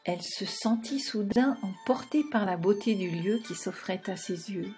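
A woman's voice: mid-range voice, moderate pace, dark tone, faint music behind. A woman narrating a children's storybook expressively and speaking directly to the young listener.

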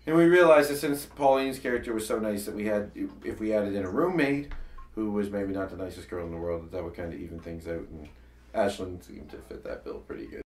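A man with a lowish voice chats casually about his comedy web series and keeps restarting his sentences. He sounds set back from the mic in a roomy, echoing space. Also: lively intonation, brisk, distant mic. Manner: rambling, restarts sentences often. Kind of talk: casual chat. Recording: echoey room, voice a bit off-mic.

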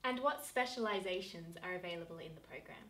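A woman's voice: on the low side, a little fast, bright, forceful tone. A young woman hosting a university video, introducing guests and asking questions in an upbeat, encouraging way. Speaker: host. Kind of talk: presenting, interviewing. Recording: roomy, from a distance, faint hiss.

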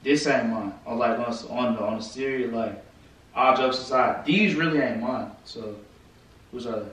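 A young man at home who talks in casual, slangy speech and turns to heated shouting when he is upset. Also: medium pitch, normal speed. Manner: slangy, laid-back, rising to heated shouting. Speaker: husband, vlogger. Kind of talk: casual argument. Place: indoors at home. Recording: very echoey room, mic far off, faint noise.

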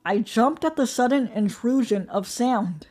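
A woman narrating a horror story in a measured, ominous, scripted way. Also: on the high side, expressive, darkish tone.

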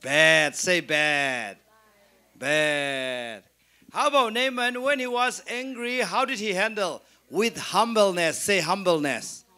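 Guy with a really high bright voice teaching sunday school, slow, asks stuff then answers it himself. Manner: leads call-and-response repetition. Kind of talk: interactive Bible lesson.

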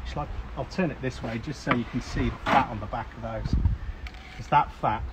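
A man's voice: medium pitch, fairly quick. A man running a live outdoor cooking demonstration, chatting casually and laughing as he cooks and eats. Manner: chatty, talks while eating, laughs often. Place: outdoors by a barbecue grill. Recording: noisy outdoor background.

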